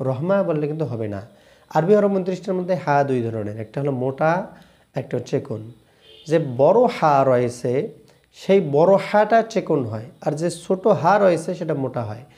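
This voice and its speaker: A man with a Bangladeshi Bengali accent teaching correct Quran pronunciation, switching between brisk explanations and slow, drawn-out chanted recitation. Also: fairly high pitch, dark tone. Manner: alternates quick explanations with slow drawn-out chanted Arabic phrases.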